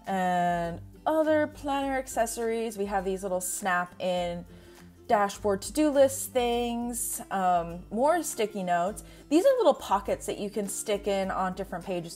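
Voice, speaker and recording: A woman's voice: medium pitch, lively intonation, moderate pace, darkish tone, faint music behind. Chatty young woman reviewing planner supplies. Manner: chatty, rambling with many fillers. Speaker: planner vlogger. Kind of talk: casual screen-share review. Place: indoors at home.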